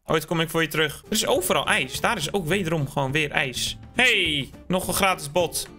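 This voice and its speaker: A man in the middle of a let's play, cracking jokes at his own expense and bursting into sudden yelps. His voice sits a little high and sounds bright and forceful, with faint music underneath. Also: normal speed. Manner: excitable, joking, self-mocking, sudden yelps. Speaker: gaming YouTuber.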